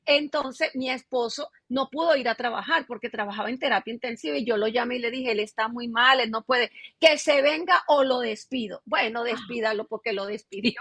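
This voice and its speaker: Pastora venezolana de voz algo aguda y velada. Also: female voice, high voice, husky, no echo. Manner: animated storyteller acting out quoted dialogue. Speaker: pastor giving her testimony. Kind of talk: conversational testimony in an interview.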